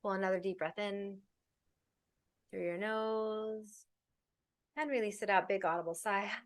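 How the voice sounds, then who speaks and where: A woman with a medium-pitched voice leads a guided meditation. Her instructions come in a soothing, unhurried way, with space left between phrases as she guides the listener.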